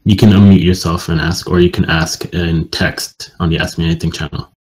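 A man's voice: sits low, level tone, a little fast, darkish tone, poor audio. A man hosting an online Q&A on a video call, asking questions hesitantly. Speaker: host. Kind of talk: casual Q&A hosting.

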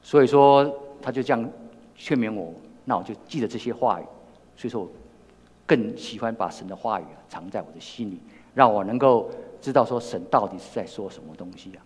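An older man with a Taiwanese Mandarin accent preaches a sermon in a church hall, where his voice carries a long reverb. He recounts a personal story, often repeating words and restarting sentences. His voice is fairly low, slightly mellow and breathy, and he speaks briskly.

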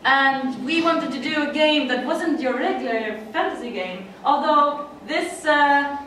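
A middle-aged Swedish woman gives a chatty English-language presentation at a conference, laughing often and using many fillers in her Swedish accent. Her voice is high-pitched and fairly bright, a little slow, with a touch of hiss or hum. A far room mic captures her from a distance in a dim, echoey conference room.

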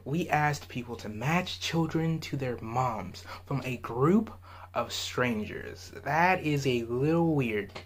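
A man's voice: medium pitch, a bit bright, a little hiss or hum. A man hosting a reaction video, chatting in a loose, rambling way and often laughing and trailing off. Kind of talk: casual rambling commentary.

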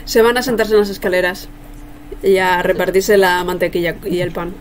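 A young woman running a tabletop game as game master, narrating casually and haltingly over a video call. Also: fairly low pitch, fairly even intonation. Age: young adult. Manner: halting, thinking aloud. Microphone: webcam video call. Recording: noisy home video call.

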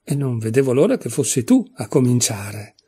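A man's voice: mid-range voice, very animated, normal speed, mellow, slightly rough. A man reading aloud, voicing a severe, condescending rose flower in a storybook, stern and critical.

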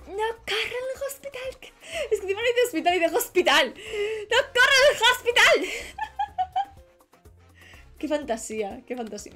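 A young woman streamer chatting casually while she draws, rambling and trailing off as she works. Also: a little high. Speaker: streamer and illustrator. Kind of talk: casual live-stream chat while drawing. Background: faint background music.

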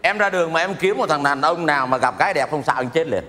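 A man's voice: fairly high pitch, lively intonation, quick pace, sharp tone. An actor playing a sly, boastful husband who justifies his bragging in a stage comedy. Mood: smooth-talking. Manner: persuasive, explains with relish. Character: boastful overseas husband, sly smooth-talker. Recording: reverberant stage hall with noise.

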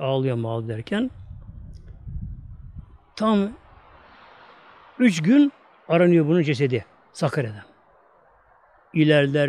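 Turkish preacher guy, high voice, tells the story with lots of repeats, dry close sound. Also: darkish tone, dry recording. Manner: emphatic, repetitive storytelling. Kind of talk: storytelling religious talk.

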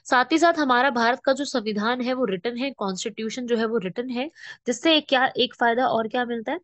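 A woman's voice: fairly high pitch, brisk, a bit bright, dry recording. A woman teaching a current affairs lesson for exam students, explaining step by step and asking rhetorical questions. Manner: explanatory, with frequent rhetorical questions and check-ins. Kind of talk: exam-prep lecture. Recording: dull, dry lo-fi.

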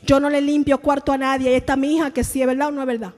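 Woman pastor, sermon, very high voice, animated, acts out voices, long church-hall reverb. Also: rapid-fire.

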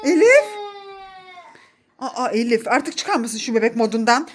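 A woman's voice: on the high side, very animated, a little slow, a little hiss or hum. A woman narrating a casual family vlog at home as a mother filming her children, playful and exclaiming, often laughing.

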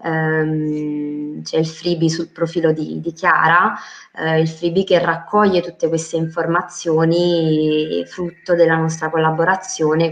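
Low, flat-voiced Italian-speaking woman. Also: highs cut off. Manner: hesitant, many fillers and restarts. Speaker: interior design guest. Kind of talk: casual live chat.

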